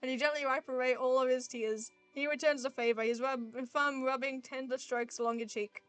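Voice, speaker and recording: A woman streamer with a fairly high voice reads a dating game aloud and reacts with gushing, excitable outbursts. She flips between narrating and squealing, with faint music under her voice. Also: fairly quick, smooth, no room sound. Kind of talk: live game playthrough with reading aloud.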